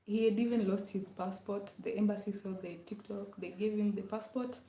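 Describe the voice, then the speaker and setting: On a casual livestream, a young Kenyan woman talks to viewers at a moderate pace, her medium-pitched voice steady and dark in tone. She often laughs and repeats words; the laptop mic in her rented room at home yields echoey, dull, lo-fi audio.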